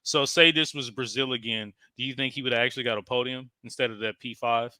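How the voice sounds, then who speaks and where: Chatty guy cohosting car talk, bright sharp voice, dead dry sound. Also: medium pitch, quick pace, no room sound. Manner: animated, joking, trails off into mumbles. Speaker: podcast co-host.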